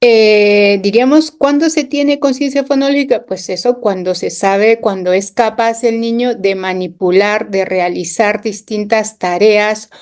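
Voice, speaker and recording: An education specialist appears as a guest on a radio interview, a woman who patiently explains using classroom examples, sounds out words, and tags her points with little questions. Her voice is medium-pitched, fairly even, and a little mellow, at a measured pace with hardly any pauses.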